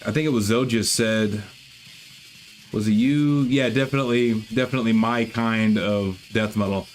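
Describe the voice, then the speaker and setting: Profane, rambling metal stream host. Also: male voice, on the low side, steady tone, moderate pace, slight background noise. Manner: profane, rambling, self-deprecating. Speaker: livestream host. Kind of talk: casual livestream chat.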